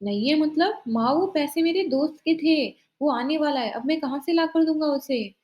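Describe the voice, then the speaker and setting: A woman's voice: high voice, moderate pace, a little mellow, muffled recording, voice pushed up, close to an everyday voice. A woman voicing a worried young man, a son anxious about lost money.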